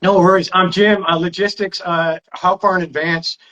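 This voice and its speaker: A man's voice: high-pitched, level tone, normal speed, bright, forceful tone, rough recording. Man hosting a rambling live stream. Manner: rambling, reads viewer comments aloud. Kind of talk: casual live stream chat.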